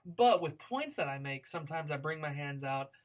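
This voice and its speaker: A male speech instructor speaks with lively intonation at a moderate pace in a recorded lecture. Conversational and demonstrative, he often uses fillers and restarts while varying his speed, pitch and loudness to make his points.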